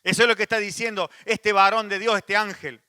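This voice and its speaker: A man's voice: sits high, little pitch movement, a little fast, pushed and bright, smooth, dry recording. A male pastor with a Rioplatense Spanish accent, preaching a sermon in a conversational way, with frequent restarts and asides to the congregation.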